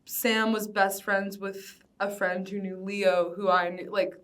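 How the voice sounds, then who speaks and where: A young American woman from Cincinnati, a band vocalist, is interviewed for a casual conversational oral history, speaking loosely and informally with "like" sprinkled throughout. Her medium-pitched voice is unhurried, flat in delivery and a bit bright, recorded far from the mic.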